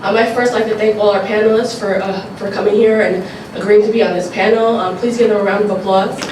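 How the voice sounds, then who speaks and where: An assemblywoman, stuffy-nosed from allergies, gives casual remarks at a community forum, packed with fillers and repeated phrases. Her mid-range voice holds a steady tone and she talks fast. The recording sounds echoey and noisy, picked up by a distant mic in a hall.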